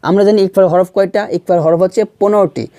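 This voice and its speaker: A man teaching Quran reading step by step. He repeats syllables slowly to show how they are pronounced, and he asks questions and answers them himself. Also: high-pitched, fairly even intonation, mellow, no room sound, studio quality. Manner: patient, repeats sounds and syllables slowly to demonstrate pronunciation. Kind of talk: step-by-step recitation lesson.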